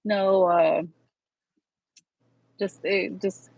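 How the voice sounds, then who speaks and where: A woman's voice: mid-range voice, steady tone, drawn-out words, gravelly, darkish tone, dry recording, dull audio. A woman hosting a casual live-stream chat, talking in a rambling way with frequent restarts. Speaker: channel host.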